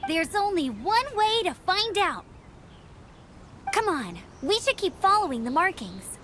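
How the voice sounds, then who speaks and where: A woman playing an earnest, brisk young female knight scout in an anime game. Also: extremely high pitch, big pitch swings, very noisy, exaggerated voice. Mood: urgent, determined.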